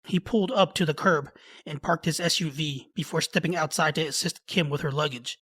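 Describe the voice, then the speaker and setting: Bright-voiced male story narrator. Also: a little high, brisk, slightly rough. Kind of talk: scripted narration of a love story.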